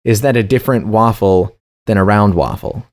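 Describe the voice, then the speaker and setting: A man's voice: fairly low pitch, normal speed, a little mellow. Playful man co-hosting a comedy chat. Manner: playful, mock-serious, stumbles over tongue twisters. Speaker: podcast co-host.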